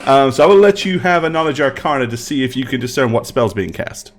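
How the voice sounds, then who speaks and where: A man narrating as game master of a tabletop game, unhurried and hesitant, often pausing with "um". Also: medium pitch, expressive, faint music behind. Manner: unhurried, hesitant with frequent ums.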